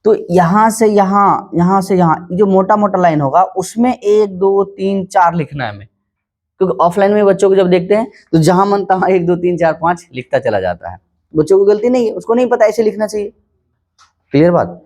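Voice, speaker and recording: A man teaching a maths lesson in a calm, unhurried way, often asking questions and answering them himself. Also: sits high. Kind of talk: casual classroom maths lesson.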